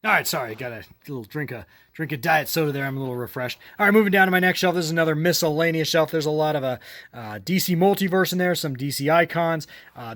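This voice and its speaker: A middle-aged man with a slightly high, fairly bright voice hosts a toy collecting channel, rambling through a casual room tour full of filler and restarts. He's losing his voice, and it's turning hoarse.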